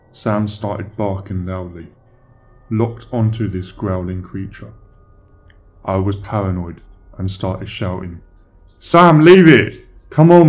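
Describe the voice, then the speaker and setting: Male horror narrator, low voice, unhurried, somber scripted read, faint hiss behind. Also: mellow.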